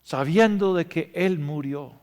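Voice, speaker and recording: A man preaching a sermon, telling emotional stories and swinging between loud passages and hushed ones. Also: a little high, a little slow. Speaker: pastor. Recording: reverberant hall.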